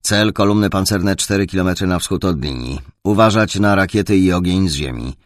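A man reading a calm young squadron leader who gives clipped radio orders in an audiobook. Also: low voice, a little fast, dry recording, studio quality. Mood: commanding.

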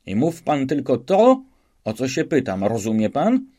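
A man's voice: mid-range voice, huge pitch swings, measured pace, dark tone. A man voicing a cruel, bullying police officer who barks his questions in an audiobook. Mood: harsh. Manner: harsh, barking, interrogating. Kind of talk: audiobook reading.

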